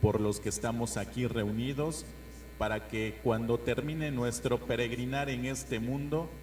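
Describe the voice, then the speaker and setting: Guy reading church petitions, slow and formal, big cathedral echo, a bit of hiss. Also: medium pitch. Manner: measured, formal reading, each petition ending in a call to pray. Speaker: lector reading the prayers of the faithful. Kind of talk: liturgical reading at Mass. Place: large church during Mass. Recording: roomy church echo, faint noise.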